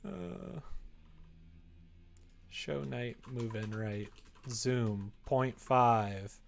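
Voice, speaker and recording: This visual-novel streamer has a medium-pitched voice marked by drawn-out words and vocal fry. He writes and codes live, chatting in a casual, playful way with joking asides, now and then mumbling to himself.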